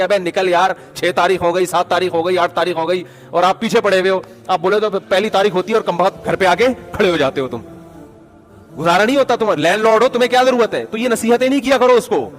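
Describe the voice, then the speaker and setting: A man giving moral advice through stories, in a conversational way, often calling his listeners brother. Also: high voice. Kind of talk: storytelling advice talk.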